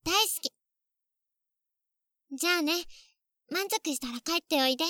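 A woman's voice: high-pitched, normal speed, bright, forceful tone, dry recording, clean studio sound. A woman voicing a clingy, possessive younger sister on a phone call, sweet at first and coldly jealous underneath. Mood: sweet doting. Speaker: voice actress in phone-call role-play. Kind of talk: phone-call role-play drama.

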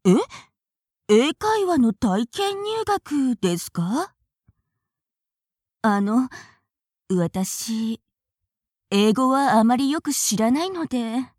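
A woman's voice: on the high side, sing-song, extremely slow, pauses often, darkish tone, dry recording, clean studio sound, full character voice. A woman acting as a naive, polite young woman who hesitates and stammers when flustered, in an audio drama.

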